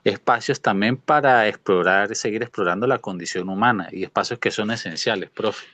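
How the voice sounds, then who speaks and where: A man's voice: lowish voice, moderate pace, a bit bright, dry recording. A man, a graduate student speaking earnestly to his professor, hedging with many fillers.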